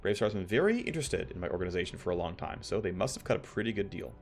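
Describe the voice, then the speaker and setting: A man's voice: low voice, animated, rapid-fire, faint music behind. A man reading the game dialogue of a hard, businesslike crime boss, blunt and commanding. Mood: grim, commanding.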